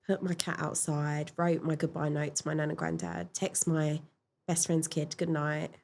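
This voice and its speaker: A woman in a podcast interview, frankly and reflectively telling her personal story, with pauses and fillers. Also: sits low, little pitch movement, gravelly, a little mellow. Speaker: podcast guest.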